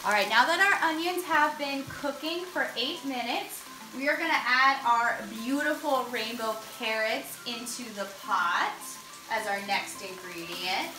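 A young woman with a fairly high voice speaks in a reverberant space, and the recording is rough. In her home kitchen, she teaches children a soup recipe step by step in a friendly, instructive way.

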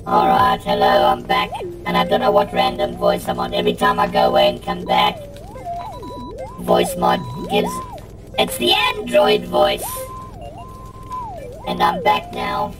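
A man's voice: very deep voice, wildly swooping pitch, measured pace, long pauses, reverberant, pitched below the performer's own voice, heavily acted. A man streaming casually, his voice run through an android voice-changer filter, chatty and offhand. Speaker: streamer and game caster. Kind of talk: casual livestream chat. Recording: distant mic, loud music behind.

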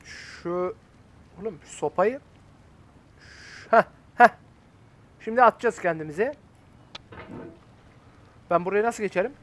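A man's voice: high-pitched, slow, pauses often. A man in his twenties from Turkey giving casual gameplay commentary, coaxing himself and fretting aloud. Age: 20s. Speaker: gaming YouTuber.

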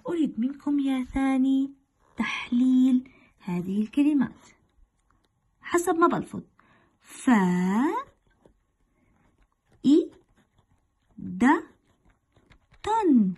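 A woman teacher reading and explaining a lesson to young pupils, stretching words slowly and asking questions she answers herself. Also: fairly high pitch, a little mellow, breathy edge. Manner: slow, drawn-out sounding of words and letters; asks the class questions and answers them herself. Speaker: primary school teacher.

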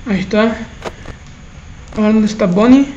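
High-pitched woman playing a scary game, slow nervous muttering to herself, muffled lo-fi sound with faint noise. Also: mellow. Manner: tense self-talk, muttering and frantic exclaiming. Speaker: gaming channel host. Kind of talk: horror game commentary.

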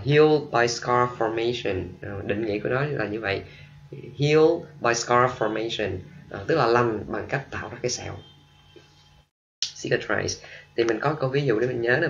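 A man with a Vietnamese accent teaching English vocabulary, explaining quickly, then drawing out each model word slowly for students to repeat. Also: medium pitch, fairly bright tone, lo-fi sound, a little hiss or hum. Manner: switches between quick explanations and slow drawn-out model pronunciations. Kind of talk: classroom vocabulary lesson.

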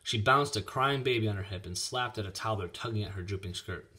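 A man reading a children's chapter book aloud in an expressive, lively manner. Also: lowish voice, a little fast. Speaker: reader. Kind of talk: storybook read-aloud.

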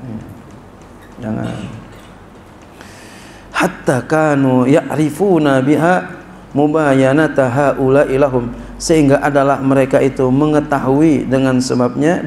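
A man teaching a classical text as a kyai, reading Arabic slowly and explaining it in casual speech that climbs into animated scolding. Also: medium pitch, vocal fry, a little hiss or hum. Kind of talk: sermon-style kitab lesson. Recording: echoey room with faint ambience.

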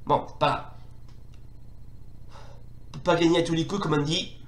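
High, excitable man commenting on gameplay. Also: moderate pace. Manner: hesitant, many fillers and restarts; excitable exclamations during fights. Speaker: retro gaming video host. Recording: roomy echo.

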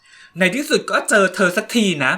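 A woman's voice: moderate pace, a bit bright, lightly acted. A woman voicing a rude, brash tiny floating girl who snaps at people. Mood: smug. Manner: brash, snappy.

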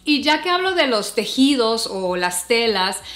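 A woman's voice: on the high side, sing-song, a little slow, faint music behind. A woman, giving chatty fashion advice to camera from her bedroom. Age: 40s. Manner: warm chatty tips, addresses viewers as "hermosas". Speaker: fashion and beauty vlogger. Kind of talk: casual advice vlog to camera. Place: bedroom, seated before a bed. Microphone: camera at chest framing. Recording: roomy bedroom echo.

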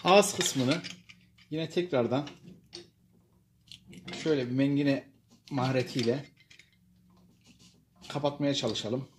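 Unhurried man demonstrating a repair. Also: mid-range voice, noisy background. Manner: plain and unhurried, addresses viewers as friends, frequent filler pauses. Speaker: DIY repair presenter. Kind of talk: step-by-step workshop demonstration. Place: workshop bench and outdoor paved yard.

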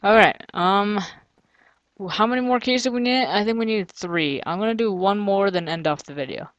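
A chatty gamer talks through a custom game map in casual let's-play commentary, thinking aloud, grumbling and throwing in sarcastic jokes. The voice sits at an ordinary middle pitch. It is recorded dry and close, with no room sound at all. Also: normal speed, a bit bright, no room sound, muffled recording.

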